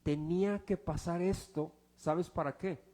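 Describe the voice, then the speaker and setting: A male pastor, preaching a sermon full of rhetorical questions, swinging between loud and hushed. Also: on the high side, fairly even intonation, a little slow.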